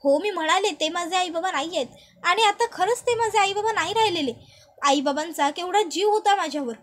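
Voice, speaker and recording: A young wife with something to hide, chatty on the surface and quick to turn defensive, as a woman storyteller puts her on. Her voice is high and her replies come fast and sharp in a spoken retelling. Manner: defensive, quick to snap back.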